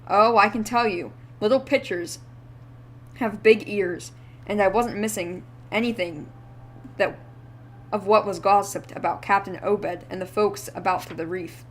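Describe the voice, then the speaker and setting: A woman's voice: medium pitch, steady tone, unhurried, slight background noise, close to an everyday voice. A woman voicing a wheezy, ranting old drunk man who rambles feverishly in rustic old-timer speech. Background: faint background music.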